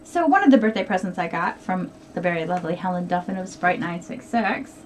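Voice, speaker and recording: A woman's voice: fairly low pitch, lively intonation, brisk, distant mic, a little hiss or hum. An older woman chatting casually as she shows off her finished crafts, rambling a little and laughing often. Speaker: crafting vlogger. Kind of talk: casual show-and-tell chat.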